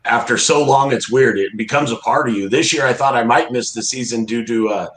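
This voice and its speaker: A middle-aged man talks casually in an interview with a folksy, plain-spoken manner. His voice sits at an average pitch. The room around him rings with noticeable echo. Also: brisk, a bit bright. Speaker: interview guest, crab fisherman. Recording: roomy, echoey sound.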